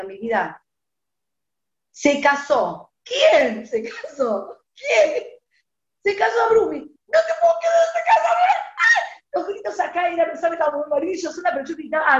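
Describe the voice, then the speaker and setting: Animated older woman telling a story. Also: reverberant, dull audio. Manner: animated, acts out quoted dialogue with rising pitch. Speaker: community speaker. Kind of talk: personal storytelling to a women's group.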